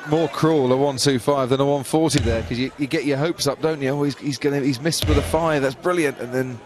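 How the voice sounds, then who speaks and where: Male darts commentator, medium pitch, conversational live delivery, crowd behind. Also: fairly even intonation, fairly quick. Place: commentary position at darts event.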